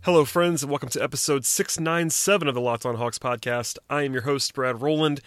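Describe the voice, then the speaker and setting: A man hosting a sports podcast in a casual, conversational way, often halting and correcting himself. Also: mid-range voice, fairly bright tone, faint music behind.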